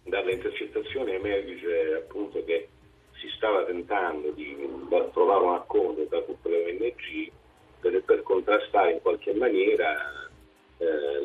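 Deep husky guy on speakerphone, phone line sounds tinny, halting radio guest. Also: soft background music. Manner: hesitant, halting. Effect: on speakerphone over a phone line. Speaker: journalist guest.

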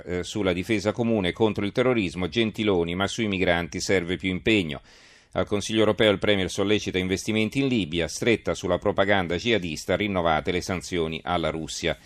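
A man with a low voice presents a press review on live radio. He reads headlines and adds his own commentary. The sound is dry and close, as from a studio microphone. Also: no room sound.

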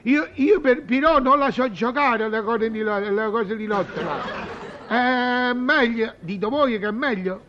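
A man's voice: very high voice, unhurried, pushed and bright, slight background noise, heavily acted. A man playing a naive, bumbling male servant who stammers and mangles words, in a vintage television comedy sketch. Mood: eager. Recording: dull lo-fi old TV audio.

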